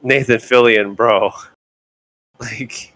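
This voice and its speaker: Excitable man in a dry room. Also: mid-range voice, very slow, no room sound. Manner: excitable, repeats words. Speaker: podcast co-host. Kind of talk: casual chat.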